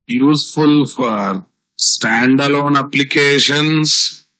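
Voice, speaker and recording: Bright-voiced Indian man teaching, Telugu accent. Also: mid-range voice, takes it slowly, rough recording. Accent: South Indian, Telugu. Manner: repetitive teaching with rhetorical questions and tag words. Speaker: software instructor. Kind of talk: live online programming class.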